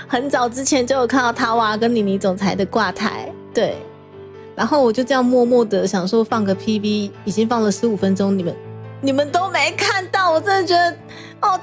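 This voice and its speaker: A woman from Taiwan streaming as a VTuber, chatting casually, tired and exasperated, with self-mocking complaints and frequent exclamations. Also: a little high. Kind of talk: casual livestream chat.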